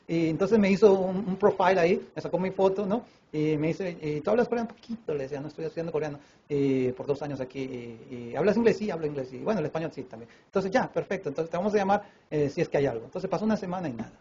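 Fast-talking Peruvian man telling a story. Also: on the high side. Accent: Peruvian Spanish. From Peru. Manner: animated storyteller who acts out dialogue voices, with many fillers. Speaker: preacher. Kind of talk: sermon testimony, storytelling. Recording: dull lo-fi recording with faint room noise.

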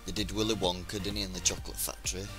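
A man's voice: deep voice, level tone, rapid-fire, over music. A man hosting a casual gaming live stream, chatting with a friend and joking as he thanks new followers.

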